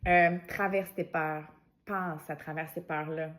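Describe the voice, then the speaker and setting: A woman with a Québécois French accent giving a weekly oracle card reading in a casual, chatty vlog, with gentle encouragement and many informal asides. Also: low voice, fairly even intonation, unhurried. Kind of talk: casual spiritual guidance vlog.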